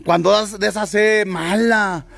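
Man, fairly high voice, jovial livestream host, teasing banter. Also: fairly even intonation, a little slow, gravelly, fairly bright tone. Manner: jovial, greets viewers by name, teasing banter. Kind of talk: casual livestream chat.

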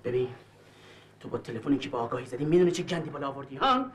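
A man's voice: mid-range voice, big pitch swings, close to an everyday voice. An actor playing a harsh, controlling man in a film, angry and contemptuous as he gives orders. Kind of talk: film dialogue.

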